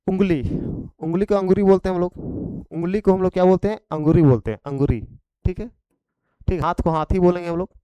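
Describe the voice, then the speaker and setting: A man's voice: high voice, fast, long pauses, mellow, smooth, no echo, rough recording. A man with a Khortha accent teaching an exam prep vocabulary lesson, repeating each point and checking in after it.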